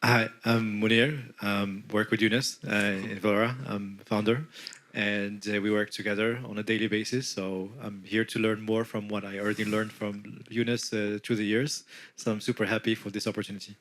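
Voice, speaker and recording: A company founder introducing himself at a workshop, speaking in an appreciative way. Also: male voice, lowish voice, little pitch movement, moderate pace, a bit bright, slight background noise. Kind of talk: self-introduction.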